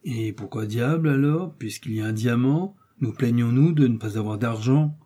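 Man doing a naive boastful musketeer, blunt, puzzled, husky dark voice, storybook. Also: medium pitch, moderate pace, natural voice.

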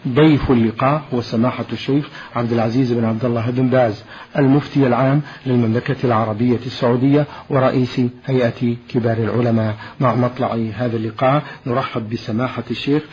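A man's voice: mid-range voice, fairly even intonation, quick pace, a little mellow. Guy hosting radio show in formal standard arabic, announcer diction, dull lo-fi sound. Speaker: radio programme host. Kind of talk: formal broadcast presenting, reading out listener questions.

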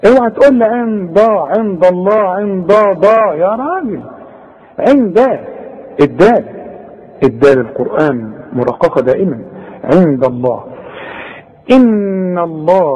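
High-voiced Egyptian man teaching recitation. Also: dark tone. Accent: Egyptian Arabic. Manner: drills sounds, models correct and wrong pronunciations, chiding. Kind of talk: tajweed lesson with corrections. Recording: echoey, dull lo-fi tape recording.

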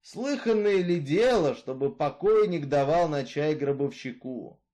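A man voicing a bitter, brooding male outlaw killer in a read-aloud story, in a rough folksy way of talking. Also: fairly high pitch, animated, measured pace, warm tone. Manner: rough folksy drawl, brooding, growling at times.

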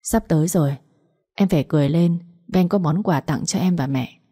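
A woman voicing a considerate young man who speaks gently and reassuringly. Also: sits low, fairly quick, slightly rough. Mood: caring.

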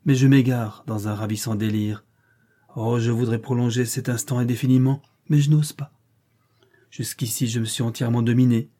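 A man reading the part of a brooding, masterful middle-aged nobleman in an audiobook, measured and teasing. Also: medium pitch, steady tone, warm tone, natural voice. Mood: solemn.

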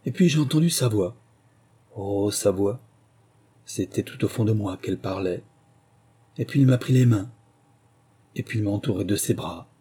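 A man's voice: lowish voice, moderate pace, pauses often, husky. A man reading aloud voices a tender middle-aged mother who hesitantly confides a long-kept secret. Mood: confiding. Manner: soft-spoken, hesitant and confiding. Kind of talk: audiobook reading.

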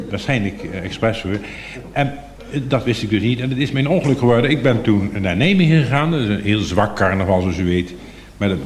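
A man telling a comic monologue in a droll, mock-formal way, heard on an echoey, noisy archive recording. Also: medium pitch. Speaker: comic storyteller.

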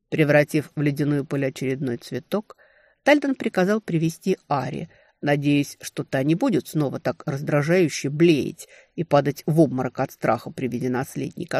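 A woman narrating a romantic fantasy novel in an expressive storytelling manner. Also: low-pitched, no echo, clean studio sound. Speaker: audiobook narrator.

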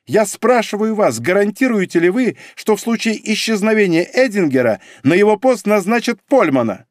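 A man's voice: high voice, big pitch swings, moderate pace, no echo, studio quality, pitched above the performer's own voice. A man voicing a cold, domineering woman spy in an audiobook, icy and mocking in manner. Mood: commanding. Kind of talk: audiobook character reading.

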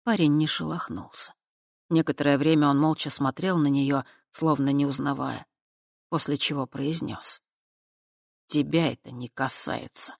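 An expressive narrator reading a fantasy novel aloud, steady in pitch and recorded very dry and close. The storytelling keeps an even, engaged flow. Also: moderate pace, gravelly, no echo. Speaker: audiobook narrator.

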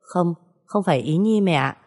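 A woman voicing a grown son who talks to his mother in a gentle, respectful way. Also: fairly low pitch, animated, normal speed.

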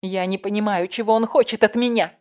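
A woman's voice: steady tone, brisk, natural voice. A woman reading an audiobook voices a cornered middle-aged woman whose frightened pleading turns to hissing rage. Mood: panicked pleading. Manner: shrill, panicked pleading turning to hissing rage. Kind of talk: audiobook character voice.

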